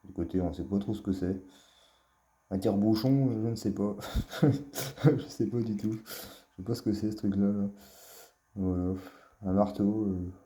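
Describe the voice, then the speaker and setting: Low, dark-voiced man, hesitant and fond. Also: fairly even intonation, moderate pace, pauses often. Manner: hesitant, filler-heavy, fond. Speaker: collector presenting his finds. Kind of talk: casual show-and-tell vlog. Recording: echoey room.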